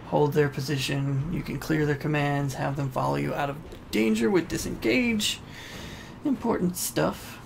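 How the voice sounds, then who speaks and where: A gaming video host with a gravelly, slightly high voice gives informal let's play commentary, rambling and thinking aloud as he explains the game interface. The voice-over is noisy, layered over game ambience with video game sounds and music behind it.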